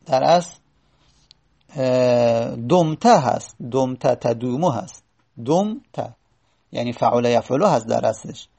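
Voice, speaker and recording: A man teaching a grammar lesson, explaining each step and repeating words slowly and drawn out. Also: mid-range voice, lively intonation, vocal fry, mellow. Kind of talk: classroom lesson.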